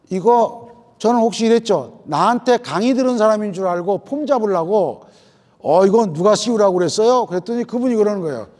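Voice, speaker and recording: A middle-aged man teaches a room of farmers in a folksy, storytelling way. His voice sits high and swings widely up and down as he acts out the people in his anecdotes. He sounds like he is speaking in a lecture hall. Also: darkish tone. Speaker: agricultural lecturer.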